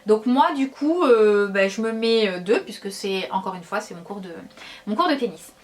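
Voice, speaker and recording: A woman's voice: mid-range voice, expressive, normal speed. A woman vlogger talking casually to her viewers, chatty and hesitant, with many fillers. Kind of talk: casual talk to camera.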